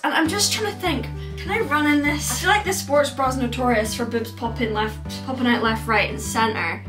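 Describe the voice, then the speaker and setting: A woman's voice: on the high side, reverberant. A young woman in her twenties chatting casually on a vlog, joking at her own expense. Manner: chatty, self-deprecating, joking. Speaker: fitness vlogger. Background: background music.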